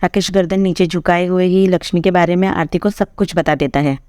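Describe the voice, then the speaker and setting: A woman narrating a dramatic audio story in an even, measured storytelling manner. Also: fairly low pitch, no echo, studio quality. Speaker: narrator and writer.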